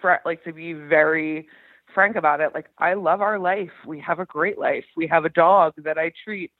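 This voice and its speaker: Calling in for advice, this thirtysomething education professional talks openly and chattily, with plenty of self-deprecating humour. Her low voice moves at a normal speed, and the recording is dry, though the phone audio sounds thin and tinny.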